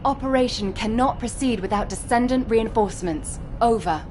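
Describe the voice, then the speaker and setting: A no-nonsense female soldier played by an actress delivers a military comms report in a video game. Her voice sits a little high, clipped and matter-of-fact, over faint background noise. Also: moderate pace, darkish tone, lightly acted. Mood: firm, official.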